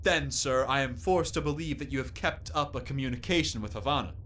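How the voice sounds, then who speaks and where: A man's voice: mid-range voice, brisk, a bit bright, slight background noise, close to an everyday voice. A man acting a polite, learned professor in a radio play, speaking formally as an impressed guest. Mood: courteous. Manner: formal, courteous.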